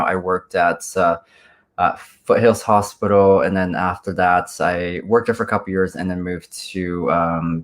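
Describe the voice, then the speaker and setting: A man in his forties, a guest on a video-call interview, talking casually with many ums and restarts. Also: low voice. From Canada. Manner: hesitant, many ums and self-corrections.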